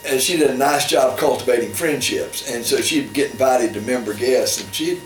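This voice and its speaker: Older man telling family stories in a rambling way, with dry asides. He sits well off the mic in an echoey room with faint hiss, on a poor stream. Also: moderate pace. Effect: low-quality stream audio. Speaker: family storyteller. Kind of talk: casual reminiscing. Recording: distant, echoey room, faint background noise.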